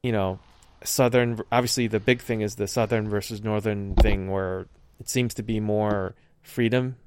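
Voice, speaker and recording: A man's voice: lowish voice, fairly even intonation, moderate pace, noisy background. A man in casual chat about a film, thoughtful and searching for words with frequent fillers. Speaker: podcast co-host discussing a film.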